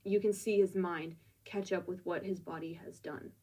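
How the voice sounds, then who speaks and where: Husky woman recapping a manga, musing, casual asides, mic sits kinda far off. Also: on the low side, steady tone, normal speed, darkish tone. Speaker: manga reviewer.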